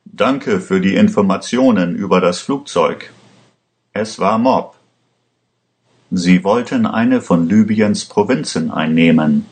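Ein Mann spricht in einer Hörgeschichte einen besorgten Mann am Telefon, drängend und eindringlich. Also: male voice, deep voice, takes it slowly, darkish tone. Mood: urgent. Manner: urgent, insistent. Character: worried male official on the phone.

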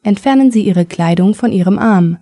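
A businesslike male radiologist, read by a woman who gives instructions in a matter-of-fact way. The voice is mellow and dry. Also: mid-range voice, normal speed, dry recording, natural voice.

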